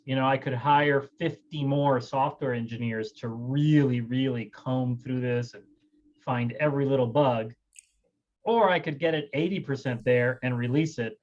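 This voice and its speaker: A man's voice: medium pitch, normal speed, darkish tone, highs cut off. A man on a casual roundtable panel, wry and teasing in his remarks. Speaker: panel guest.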